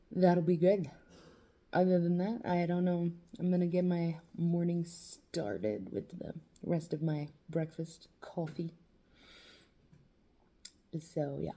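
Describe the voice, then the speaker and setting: A young woman talks loosely to her vlog camera. She rambles, swears and pokes fun at herself while her face aches. Her voice sits low and is soft and husky, with a dark, mellow tone. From New Mexico. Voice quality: swearing, rambling, self-mocking. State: in facial nerve pain. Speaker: vlogger. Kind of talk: casual talk to camera.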